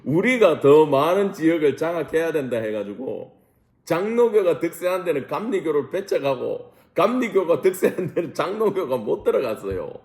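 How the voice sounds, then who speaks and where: A man's voice: a little high, sing-song, normal speed, a little mellow, roomy sound. A man, a pastor, teaching a Bible study class in a church room, asking rhetorical questions and mixing casual and polite speech.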